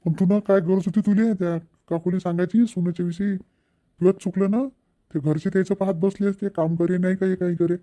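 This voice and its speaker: Man playing a dark-voiced, gruff village father. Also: sits high, fairly even intonation, brisk, close to an everyday voice. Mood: scolding. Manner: gruff, plain-spoken, scolding. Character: blunt village husband and father. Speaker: actor in a village family drama. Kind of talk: village comedy-drama acting.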